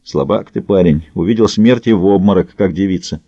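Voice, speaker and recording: A man's voice: low voice, fairly quick, mellow, no echo, muffled recording. A man voicing a brutish male thug who mocks and snarls with contempt. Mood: sneering. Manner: sneering, rough.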